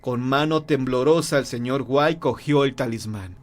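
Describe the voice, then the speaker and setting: A man narrating a horror tale in a measured, grave storytelling voice. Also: medium pitch.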